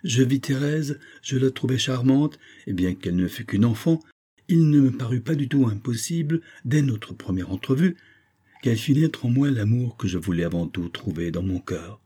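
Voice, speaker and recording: A man's voice: mid-range voice, expressive, moderate pace, dark tone, husky. A man reading aloud and voicing an earnest young colonel who explains himself insistently.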